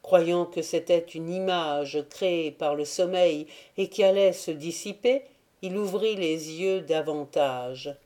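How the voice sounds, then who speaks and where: A woman reading a classic novel aloud as an audiobook narrator, in a slow, measured way. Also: fairly low pitch, warm tone. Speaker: audiobook reader. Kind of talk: scripted narration.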